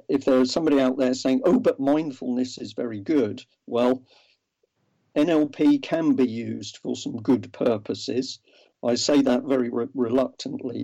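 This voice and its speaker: A man's voice: mid-range voice, creaky, mellow, breathy edge. A man, a guest in an interview, explaining earnestly with many ums and restarts. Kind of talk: interview over a remote line. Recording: dull lo-fi audio.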